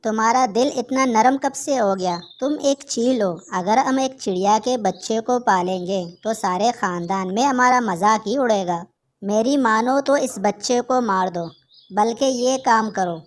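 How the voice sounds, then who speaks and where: A woman's voice: fairly high pitch, lightly acted. A woman voicing a pushy sister kite. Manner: eager and scolding. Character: hungry meddling younger sister kite, female. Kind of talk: Hindi cartoon voice acting.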